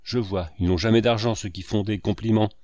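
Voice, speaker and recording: A man's voice: lowish voice, fairly even intonation, a little fast, a little mellow, no echo, close to an everyday voice. A man reading the part of a stern, scornful middle-aged landlord in curt, contemptuous lines.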